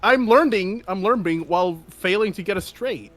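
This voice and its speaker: A man's voice: sits high, normal speed, a bit bright, soft background music. A man in a tabletop group, teasing his friends and bemused by a backstory he can't follow. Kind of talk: casual post-session chat.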